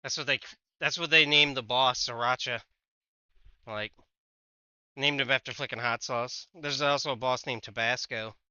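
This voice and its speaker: A man's voice: medium pitch, fairly even intonation, normal speed, pushed and bright, clear, resonant tone, no echo, dull audio. A man streaming a game, chatting casually with a teammate, swearing often and trailing off mid-sentence. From United States. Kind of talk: casual gaming chat.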